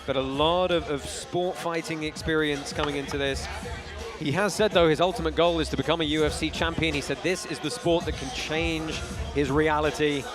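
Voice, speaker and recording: A man's voice: fairly high pitch, steady tone, normal speed. A man giving live fight commentary as a play-by-play broadcaster. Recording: music and crowd noise behind voice. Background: arena crowd and music.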